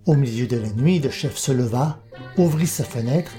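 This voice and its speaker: Man with a mellow narrating voice. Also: mid-range voice, animated, moderate pace. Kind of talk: scripted storybook narration. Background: soft music.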